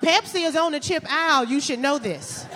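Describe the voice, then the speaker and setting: A woman telling a true story on stage, animated and laughing, with comic asides. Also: high voice, moderate pace, noisy background. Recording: live stage with long hall reverb.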